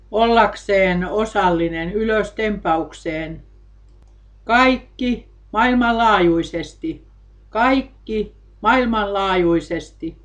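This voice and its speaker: A woman delivering a sermon in a solemn, measured way, quoting scripture along the way. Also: medium pitch. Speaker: preacher.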